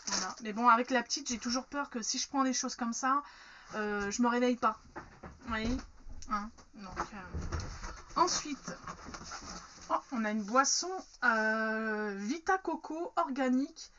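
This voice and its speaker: A woman's voice: a little high, a little slow, highs cut off, noisy background. A woman chatting frankly through an unboxing, with many fillers. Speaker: unboxing vlogger. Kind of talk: casual unboxing chat.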